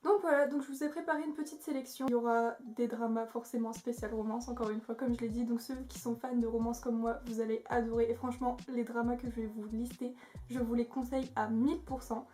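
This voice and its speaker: A woman's voice: on the high side, steady tone, a little fast, dark tone. A young woman, chatting enthusiastically as she recommends her favourite series, with many fillers. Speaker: video creator. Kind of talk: casual spoken review.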